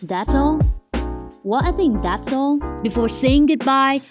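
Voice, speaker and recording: A Vietnamese woman in her twenties hosts her own podcast from home, chatting solo in an earnest, casual way and often saying "like." She speaks Vietnamese natively and has a Vietnamese accent, and her high voice moves unhurriedly with lively intonation over loud music.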